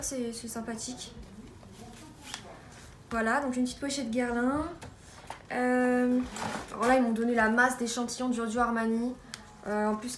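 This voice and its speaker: A young woman from France showing off a beauty haul in a casual vlog, chatty with lots of fillers and restarts. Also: on the high side. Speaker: beauty vlogger. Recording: echoey room with background noise.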